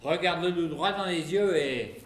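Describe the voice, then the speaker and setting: A man performing a live show of folk tales, telling them in a lively, playful way. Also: fairly high pitch, measured pace. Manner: lively, playful, acts out voices. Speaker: storyteller. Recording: echoey live hall, faint noise.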